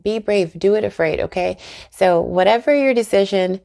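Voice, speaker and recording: This YouTuber and author from Trinidad and Tobago vlogs to camera about her faith, sounding earnest and encouraging and laughing softly often. Her mid-range voice has vocal fry and a dark tone, and she talks at a normal speed.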